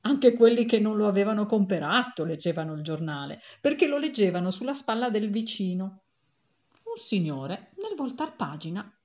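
A woman reading a children's story aloud with an animated, theatrical delivery. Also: medium pitch, highs cut off.

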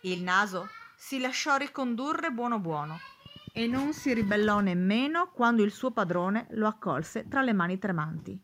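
A woman narrating a storybook in an expressive, lively way. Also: mid-range voice, moderate pace.

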